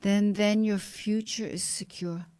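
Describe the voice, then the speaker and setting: A woman's voice: medium pitch, fairly even intonation, measured pace, mellow, clear, resonant tone, dry recording. A woman in her fifties hosting a conversational interview, affirming and encouraging her guest. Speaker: host.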